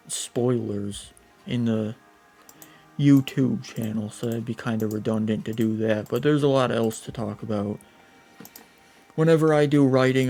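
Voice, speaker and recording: Casting: man, late twenties, unhurried self-deprecating gaming commentary, keyboard clacking underneath. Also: medium pitch, a little mellow. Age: 20s. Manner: rambling, self-deprecating, talks while playing. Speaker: gaming YouTuber. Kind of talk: casual gameplay commentary.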